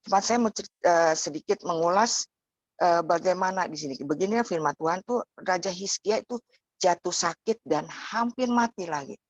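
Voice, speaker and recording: A woman's voice: on the low side, moderate pace, no echo, highs cut off. A woman preaching a sermon in a conversational way. She often tags her phrases with a questioning "ya" and speaks straight to the congregation.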